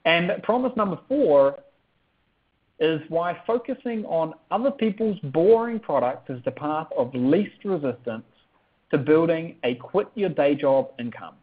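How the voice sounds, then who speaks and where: A New Zealand-accented man in his thirties presents an upbeat sales webinar, often ending lines with "okay?" and repeatedly asking for replies in the chat. His voice is a little high, animated, unhurried and slightly rough, and the audio sounds tinny, like a phone.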